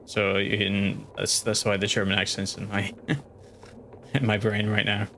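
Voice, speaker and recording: A man's voice: on the low side, level tone, measured pace, pushed and bright, a little hiss or hum. A man streaming a game live, chatting casually and rambling with lots of restarts. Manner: rambling, full of fillers and restarts. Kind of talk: casual gaming livestream chat.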